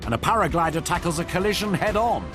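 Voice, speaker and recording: A man's voice: high-pitched, very animated, quick pace. A man reading scripted nature documentary narration with dramatic storytelling. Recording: loud music bed under voice. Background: music.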